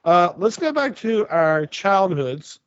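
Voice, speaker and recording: A man's voice: sits high, very animated, takes it slowly, no echo. A man in his forties telling a rambling story in casual chat, full of restarts and stammers. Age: 40s. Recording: dull lo-fi sound.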